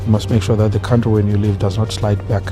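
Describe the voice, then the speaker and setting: Low, even-toned man in interview. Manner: halting, measured, repeats phrases. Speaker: mission official interviewee. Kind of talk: unscripted interview remarks. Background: prominent background music.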